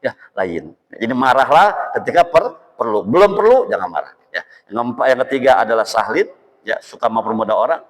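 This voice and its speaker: A man preaching a lively, joking dawn sermon in a mosque. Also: medium pitch, fairly quick. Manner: lively, joking, acts out quoted voices. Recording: long hall reverb in a mosque.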